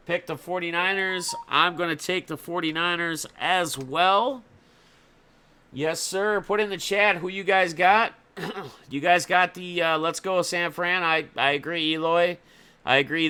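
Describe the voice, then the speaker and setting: A young man hosts a casual sports talk livestream, chatting loosely about football and answering viewers in the chat by name. His voice is a little high, bright and forceful, with a clean tone.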